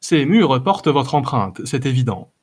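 A man's voice: mid-range voice, sing-song, moderate pace, husky. A man voicing a courteous, fussy wandering minstrel with a flowery, prim manner in a read-aloud story. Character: dainty, polite wandering male minstrel, fussy. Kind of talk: audiobook character voice.

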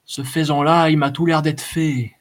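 A man reading as a shifty, weasel-faced bandit muttering a warning. The voice sits well higher than the reader's own, sneaky and wary. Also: steady tone, moderate pace, lightly acted. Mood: suspicious.

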